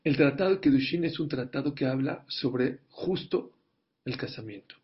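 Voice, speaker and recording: A man telling a story in a sermon, slowing down and growing louder for emphasis. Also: mid-range voice. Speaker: religious teacher. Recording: dull lo-fi recording.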